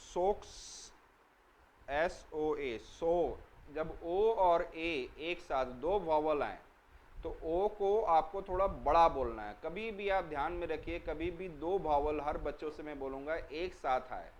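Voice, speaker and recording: A man's voice: fairly high pitch, takes it slowly, low-quality recording. A man teaching a lesson for children, asking questions and answering them himself, repeating key words and spelling some out letter by letter.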